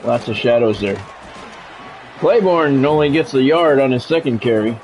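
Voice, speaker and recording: This game streamer calls play-by-play on a livestream, switching from clipped announcer-style calls to casual viewer chat while music plays. His medium-pitched voice is animated and darkish at a moderate pace, with slight background noise.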